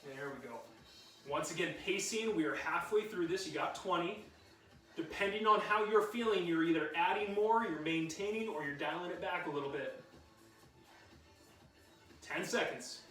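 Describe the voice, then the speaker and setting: Male fitness instructor, high voice, upbeat and encouraging, calls countdowns, recorded from a distance. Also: moderate pace, pauses often, a bit bright, soft background music. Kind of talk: live workout coaching with countdown cues. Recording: roomy sound, mic at a distance.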